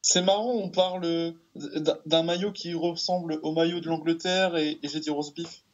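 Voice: mid-range voice, fairly even intonation, normal speed, muffled recording. A guest on a live stream, talking casually in a laid-back, easygoing way.

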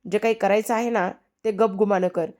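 A woman's voice: medium pitch, steady tone, normal speed, darkish tone, lightly acted. A woman voicing a domineering middle-aged matriarch who heads a family business, in commanding, scolding quoted lines from a serial recap.

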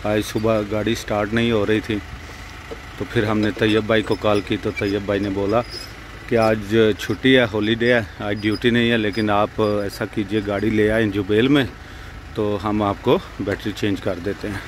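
A man's voice: on the low side, little pitch movement, moderate pace, slight background noise. A young man vlogging casually at night by a roadside, showing things to the viewer on a handheld phone. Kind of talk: casual vlog narration.

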